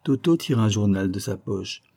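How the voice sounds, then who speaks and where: Man reading an old novel aloud, warm mellow voice, calm and even. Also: fairly low pitch, normal speed. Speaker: audiobook narrator. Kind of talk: scripted narration of a classic novel.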